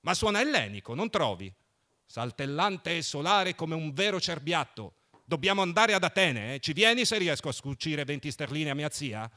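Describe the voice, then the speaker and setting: A man voicing a plump, jovial young man who mocks and mock-preaches in a loud, theatrical way. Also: fairly high pitch, sing-song, normal speed, pitched above the performer's own voice. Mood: boisterous mocking.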